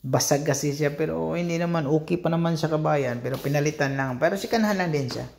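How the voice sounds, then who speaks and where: A man's voice: on the high side, quick pace, creaky, a little mellow, slight background noise. A man from the Philippines, a regular vlogger, talking casually as he walks viewers through body repairs in an auto shop and keeps addressing them as countrymen.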